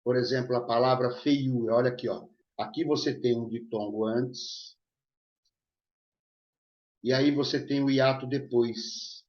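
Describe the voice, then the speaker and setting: Man, Brazilian accent, unhurried teacher, roomy echo, dull lo-fi sound. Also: mid-range voice, fairly even intonation, darkish tone. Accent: Brazilian Portuguese. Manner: explanatory, checks in with frequent "tá?" and "né?". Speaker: Portuguese teacher. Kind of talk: recorded grammar lesson.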